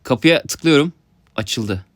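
A young man giving excited let's-play commentary, talking to his viewers and yelping at his mishaps. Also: mid-range voice, slow, no room sound, studio quality. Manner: excitable, yelps and laughs at mishaps, talks to viewers. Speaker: gaming YouTuber.

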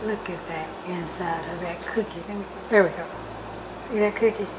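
A woman's voice: on the low side, normal speed. Chatty woman cooking vlogger. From Georgia, US. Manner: chatty, talks with her mouth full at times. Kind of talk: casual cooking vlog. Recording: noisy home recording.

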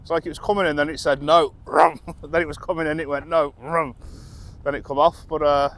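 Slightly high in pitch, level in tone, fairly quick and a little bright, a middle-aged British man narrates his night fishing on a seaside dock. The angler vlogger is chatty and tickled by himself, and a camera set on a tripod at a distance records him outdoors.

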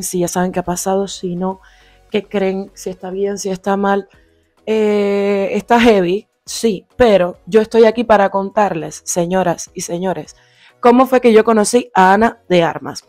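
A young woman from Cuba with a Cuban Spanish accent, slightly hoarse, chatting animatedly through a storytime vlog into a small handheld mic in a small home room. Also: medium pitch, moderate pace, no echo, soft background music. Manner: chatty, animated, lots of fillers and asides. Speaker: vlogger. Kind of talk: casual storytime. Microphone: handheld lavalier mic near mouth.

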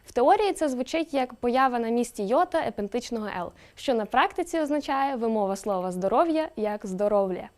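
A woman presenter reads a scripted explainer with a slightly raised pitch. She keeps it lively and throws in emphatic rising questions. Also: a little fast, hardly any pauses. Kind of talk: scripted educational narration.

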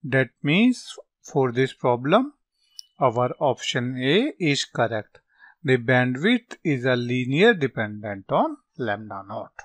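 A man with a North Indian accent gives a step-by-step lesson. His delivery is slow and halting, broken into short dictated phrases at a middling pitch. The sound is dry, with very little room around the voice. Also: sing-song, a bit bright, dry recording. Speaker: physics tutor. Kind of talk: step-by-step lesson, reading out worked solutions.

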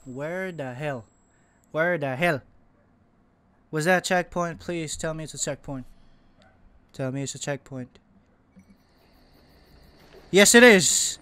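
Playing a horror game, a man gives casual let's-play commentary, jumpy and excitable, laughing and swearing as his voice goes hoarse. He speaks a little high and a little slowly, pausing often.

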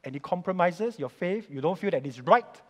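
A male pastor with a Singaporean English accent delivers a storytelling sermon, his high voice swinging widely in pitch. He slips into quoted voices of bosses and workers. The sound carries the long echo of a large church hall. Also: lively intonation, moderate pace.

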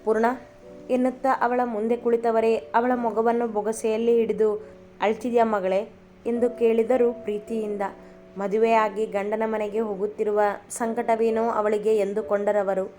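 A woman reading a family love story aloud as a storyteller, with feeling in the dialogue. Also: fairly high pitch. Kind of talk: storybook narration. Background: soft instrumental music.

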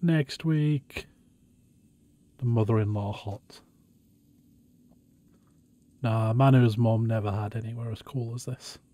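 A man's voice: mid-range voice, slow pace, long pauses, mellow. A man streaming a game, giving casual live commentary to his viewers.

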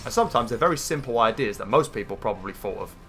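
A British man gives casual gameplay commentary in a nasal voice that sounds like his nose is pinched. His pitch sits at an ordinary middle level, and his talk is informal and rambling. Music plays behind him. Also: lively intonation, fast talker, a bit bright. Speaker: gaming video host.

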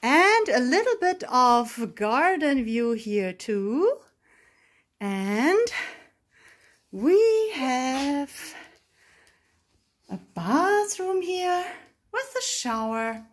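Touring a resort room and its grounds, a vlogger narrates casually for the camera, cheerful and talkative, laughing frequently as she points things out. She speaks very slowly with frequent pauses, in a high-pitched voice that swings widely in pitch.

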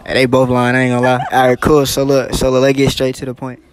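A teenage boy filming a casual vlog at school, asking classmates quick questions in loud slangy banter. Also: mid-range voice, completely flat delivery, slight background noise. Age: teens. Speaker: student vlogger. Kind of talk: casual street interviews. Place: school hallways and outdoors. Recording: loud crowd chatter.

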